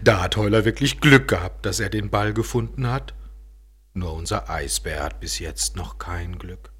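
A man narrating a children's story in a gentle way, speaking directly to a young listener. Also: low voice, normal speed, husky.

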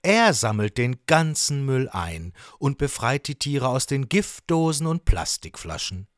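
A man narrating a children's story with expressive, storytelling delivery. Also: medium pitch, measured pace, no echo, studio quality.

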